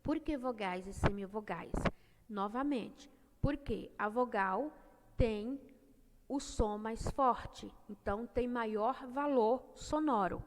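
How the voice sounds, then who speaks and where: A woman teacher slowly explaining a grammar lesson to children, reading out example words one at a time. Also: on the high side. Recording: long reverb, faint noise.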